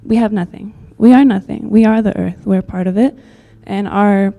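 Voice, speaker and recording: A woman's voice: mid-range voice, steady tone, moderate pace, gravelly, mellow. A woman from Texas giving an earnest, rambling public comment at a community meeting, with many fillers. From Texas, USA.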